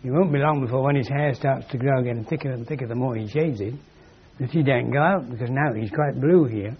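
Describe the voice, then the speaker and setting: A man's voice: mid-range voice, brisk. A man giving a philosophical lecture in a wry, emphatic way, on a dull lo-fi recording. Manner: wry, emphatic, acts out quoted voices.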